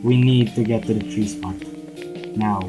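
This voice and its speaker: A man's voice: fairly low pitch, fairly even intonation, moderate pace, poor audio. A man doing casual let's-play commentary, hurrying and throwing in apologetic asides while reading game dialogue aloud. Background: game music and keyboard typing.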